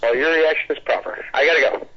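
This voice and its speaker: A man's voice comes through a speakerphone, muffled and dull like a cheap phone line. He talks very fast in a slightly high voice and brushes off questions. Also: steady tone. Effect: heard over a speakerphone. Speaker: caller.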